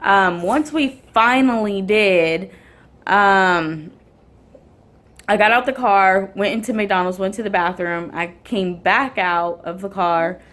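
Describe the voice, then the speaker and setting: This is a woman in her twenties or thirties, speaking straight to the camera in a casual storytelling vlog. She rambles, restarts sentences and fills the gaps with um and you know. Her pitch sits in the middle of the range. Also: slow, a bit bright. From Houston area, Texas. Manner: rambling, many ums and restarts. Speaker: vlogger and mother.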